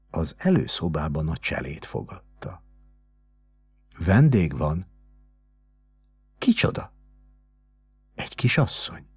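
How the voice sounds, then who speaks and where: A man with a very deep, gravelly voice reads a story in measured, hushed narration. His tone is husky and breathy, and his pitch moves expressively. Soft music plays faintly underneath. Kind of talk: scripted narration.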